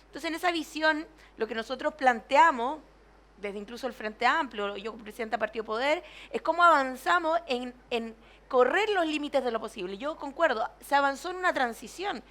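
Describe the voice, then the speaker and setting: High-voiced woman debating. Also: animated, fairly quick, sharp tone. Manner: earnest, restarts often while building points. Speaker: debate panelist, party president. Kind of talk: public debate argument.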